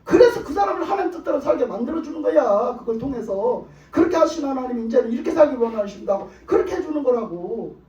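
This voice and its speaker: A male pastor with a very high voice preaches emphatically. He hammers his points home with repeated rhetorical questions. He is heard from a distance in an echoey church sanctuary, through a dull, muffled recording. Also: very animated, fast talker, hardly any pauses, dark tone. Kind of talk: sermon.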